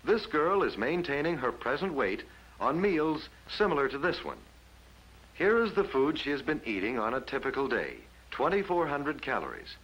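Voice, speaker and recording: Narrating a 1950s instructional film from a script, this American man uses a formal, measured announcer style. His mid-range voice swings widely in pitch and is slightly bright and husky, heard on a low-quality old film soundtrack.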